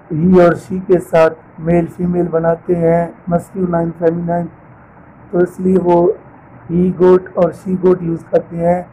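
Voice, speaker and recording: A man teaching English vocabulary, listing word pairs with translations in a slow, deliberate way. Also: high-pitched, warm tone, husky, low-quality recording.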